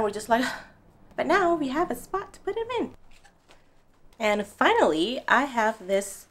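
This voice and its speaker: Chatty young woman reviewing home gear. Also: on the high side. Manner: chatty and upbeat, speaks straight to viewers. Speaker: home fitness vlogger. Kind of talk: casual product review. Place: bright living room at home.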